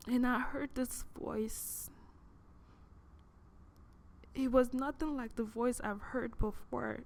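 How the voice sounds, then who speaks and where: A woman giving a personal testimony in a halting, repetitive way, full of restarts and sighs. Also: a little high, steady tone, vocal fry.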